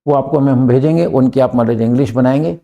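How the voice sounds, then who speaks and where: A middle-aged man with an Indian accent teaching an English grammar lesson in Hindi and English, slowly dictating example sentences and often asking "clear?". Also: medium pitch, lo-fi sound. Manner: slow deliberate dictation of example sentences, frequent "clear?" checks.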